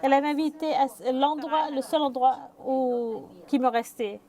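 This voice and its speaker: Woman interpreter, high and warm, hesitant delivery with self-corrections. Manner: halting, with restarts and fillers. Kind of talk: live consecutive interpretation.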